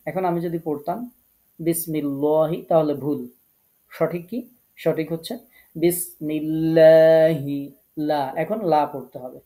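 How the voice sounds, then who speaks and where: A man with a Bangladeshi Bengali accent teaching Quran recitation rules in an online lesson, explaining patiently step by step, repeating each rule and slowing down to model the recitation. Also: a little high, gravelly, mellow.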